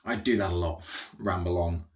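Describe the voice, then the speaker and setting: A man with a deep voice close to his everyday one narrates a comic children's audiobook in first person at normal speed, in a reverberant space. He plays a naive young alien royal who rambles, gets easily distracted, chats away, and keeps correcting himself in asides.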